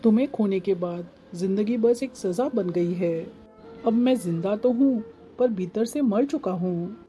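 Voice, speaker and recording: A woman voicing a grieving, lonely middle-aged father in a cartoon, talking slowly and pleadingly. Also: mid-range voice, mellow, soft background music, natural voice. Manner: sorrowful, slow and pleading. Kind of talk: cartoon voice acting.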